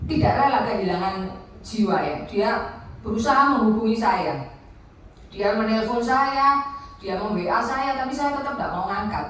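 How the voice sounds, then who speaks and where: A woman tells her personal testimony in a frank, conversational way, slipping in phrases. Her voice sits a little high. She is picked up from some distance in a strongly echoing function room, with faint room noise behind her. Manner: candid, mixing in Javanese asides. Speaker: testimony speaker at a women's fellowship meeting. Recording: echoey room, distant mic.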